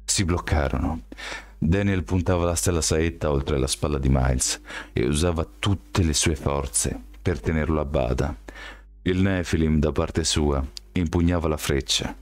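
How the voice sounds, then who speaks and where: A male audiobook reader with a strikingly deep, low voice. He narrates in a steady, even storytelling way. The recording is dry and close, with no room sound. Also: a little slow, no echo.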